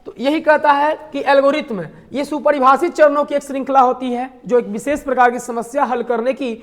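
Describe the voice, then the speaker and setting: A man's voice: extremely high pitch, little pitch movement, brisk. A man teaches a math lesson. He keeps quizzing the class and then answers his own questions, with light jokes along the way. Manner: asks the class questions and answers them himself, with jokes in between. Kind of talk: classroom lecture.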